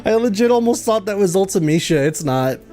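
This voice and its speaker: A man's voice: sits high, lively intonation, fairly quick, mellow. A man streaming a game, reading its dialogue aloud, tripping over fantasy names and laughing often.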